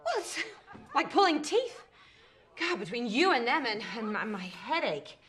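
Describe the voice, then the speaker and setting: A woman's voice: on the high side, very animated, unhurried. A tired jealous lady with a headache, stammers, voice jumps all over in a film scene. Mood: agitated. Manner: nervous stammering, swings from hushed to agitated. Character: weary jealous woman, headachy and bitter. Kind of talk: naturalistic film acting.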